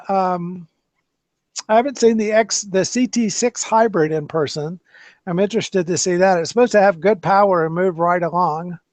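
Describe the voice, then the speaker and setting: Speaking in a high voice, a podcast host rambles through a casual car conversation, breaking off and restarting frequently. The recording is dry and has a dull, lo-fi sound.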